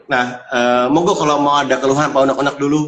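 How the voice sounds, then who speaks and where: A man's voice: mid-range voice, flat delivery, fast, a bit bright. A man hosting a casual, chatty interview. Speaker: interviewer, host.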